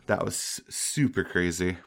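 A man's voice: sits low, normal speed, creaky, a bit bright. A man who works as a game master, chatting casually on a podcast. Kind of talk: casual chat.

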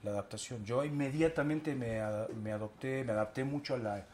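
A man's voice: medium pitch, brisk, slight background noise. A man from Argentina, an actor and guest, telling anecdotes in a casual chat and acting out the scenes. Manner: animated storyteller, acts out scenes.

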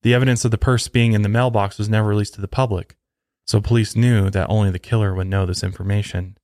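A man hosting a true crime podcast walks through a scripted story step by step at a quick pace. His voice is fairly low and a little mellow, with fairly even intonation, captured close and dry with no echo and little room.

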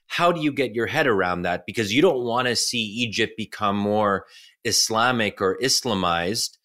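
A man from the United States, a guest author, giving thoughtful, measured answers in an interview. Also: lowish voice, pushed and bright.

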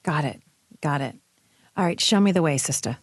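A woman's voice: deep voice, lively intonation, normal speed, breathy edge, no echo. A woman hosting a show in casual chat, informal and effusive in the way she talks. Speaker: show host.

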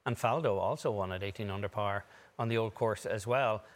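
A man's voice: lowish voice, a little fast. A man speaking as a golf analyst, giving analytical commentary on the broadcast.

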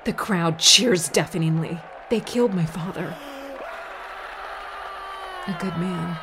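A woman's voice: low voice, slight background noise. A woman playing a teenage girl turning into a raging werewolf, narrating a horror audio drama in first person with intense, swearing dread. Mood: vengeful.

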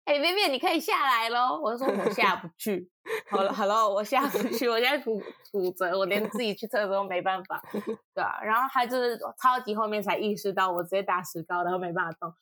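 Young Taiwanese woman, podcast co-host, lively exasperated storyteller, dry close mic. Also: medium pitch, fast, dry recording. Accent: Taiwanese Mandarin. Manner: animated storytelling, exasperated, laughing often. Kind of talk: casual chat.

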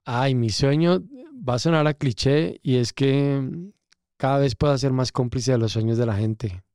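A man's voice: mid-range voice, normal speed, darkish tone, clean tone, no echo, clean studio sound. A Colombian man, a casting director, talking expressively as a podcast guest and acting out the people he quotes. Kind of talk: casual interview.

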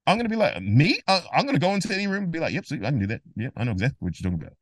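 Animated man explaining with emphasis. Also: on the high side, very fast, husky, no room sound. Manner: animated, emphatic, acts out imagined dialogue. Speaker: guest, rapper and music theory educator. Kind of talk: casual podcast interview.

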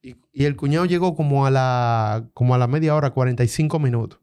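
A man's voice: mid-range voice, fast talker, a little mellow, clear, resonant tone. A young man with a Dominican accent casually telling a story to friends, full of street slang.

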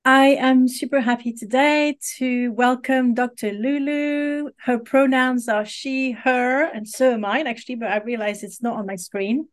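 A woman's voice: fairly high pitch, a little slow, few pauses. A woman hosting a spirituality podcast, welcoming listeners and introducing her guest with some restarts. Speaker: podcast host. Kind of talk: podcast interview.

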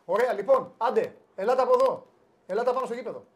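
Teasing man hosting sports talk. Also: very high-pitched. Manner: teasing, playful, lively banter. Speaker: sports show host. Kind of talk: casual studio sports talk.

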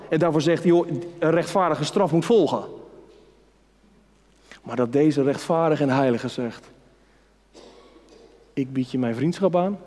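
Male preacher, fervent sermon delivery, moving between whispers and high urgent calls, somewhat high voice, long hall reverb. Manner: impassioned, swings from hushed whispers to high calls.

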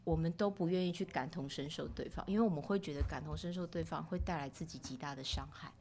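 A middle-aged woman speaks as a podcast guest. She talks quickly in a fairly low voice and tells her stories expressively, acting out the voices of others. A faint hum of ambience sits behind her. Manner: expressive, acts out quoted speech with rising pitch. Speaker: podcast guest, mother of two sons. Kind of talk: casual storytelling chat.

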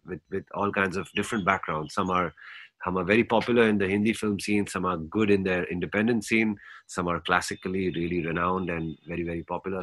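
A man's voice: deep voice, fairly bright tone, dry recording. A man with an Indian accent answering interview questions as a musician guest, thoughtful and hesitant, in short bursts.

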